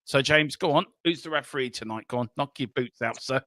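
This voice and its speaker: A man's voice: mid-range voice, a little fast, pushed and bright, no echo. A man hosting a live football watchalong, chatting eagerly with frequent ums, recorded close on a headset mic. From Ireland. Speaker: watchalong host. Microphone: earpiece headset on a live stream.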